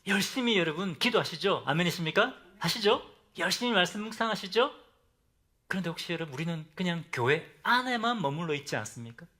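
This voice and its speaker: A man preaching a Sunday sermon as pastor. He asks the congregation questions and ends phrases softly for emphasis. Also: animated, a little fast. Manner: drops to soft, low endings for emphasis.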